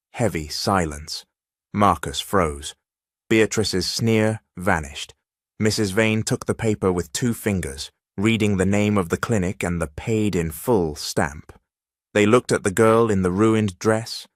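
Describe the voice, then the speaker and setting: A man reading a dramatic story as narrator in a steady, measured way. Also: deep voice, dry recording, studio quality.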